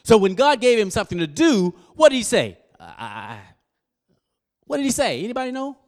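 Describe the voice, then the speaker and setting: A man preaching a sermon, quizzing his congregation and building up to loud exhortation. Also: very high voice, quick pace. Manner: call-and-response with the congregation; animated, rising to loud exhortation. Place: church service.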